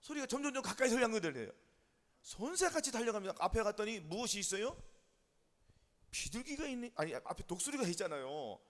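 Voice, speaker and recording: A man preaching a sermon as pastor, telling a story with lively questions to the congregation. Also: high voice. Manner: animated storytelling with call-and-response questions. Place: church sanctuary. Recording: long church hall reverb.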